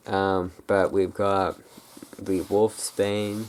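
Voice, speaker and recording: Slow, low, creaky rambling ASMR creator. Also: steady tone, a little mellow, slight background noise. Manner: rambling, hesitant, trailing off. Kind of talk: casual improvised ASMR chat.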